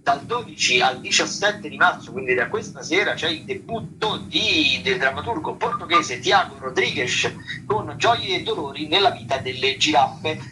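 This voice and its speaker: Over background music on a radio broadcast, a man hosting the show talks through theatre listings, loosely and partly improvised, frequently pausing to hunt for words. His slightly high voice has lively intonation at normal speed, and there's background noise.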